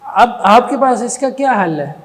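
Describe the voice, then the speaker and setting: A man's voice: extremely high pitch, animated, moderate pace, fairly bright tone. A man giving a religious lecture, who keeps asking rhetorical questions and checking that his listeners follow. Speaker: religious teacher. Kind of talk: lecture on moral training. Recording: long reverb.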